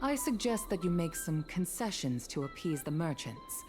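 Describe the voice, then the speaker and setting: An actress playing a calm, authoritative woman commission official who speaks diplomatically. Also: fairly low pitch, normal speed. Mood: composed. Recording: game audio over loud music.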